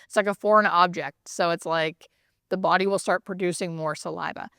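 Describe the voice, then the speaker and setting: A woman's voice: lowish voice, fairly quick, no room sound, studio quality. A woman who works as a hospice nurse, explaining and telling stories in a casual, emphatic way, often checking in with the listener. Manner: animated, emphatic repetition, frequent check-in questions like "right?". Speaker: hospice nurse, interview guest. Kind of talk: casual conversational explaining and storytelling.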